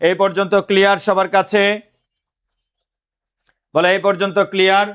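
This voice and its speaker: Male teacher from Bangladesh, high-pitched, drills students with repeated questions and slow dictation. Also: flat delivery, fairly bright tone, smooth. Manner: repetitive call-and-response questioning; dictates notes slowly, repeating phrases. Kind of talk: online class lecture.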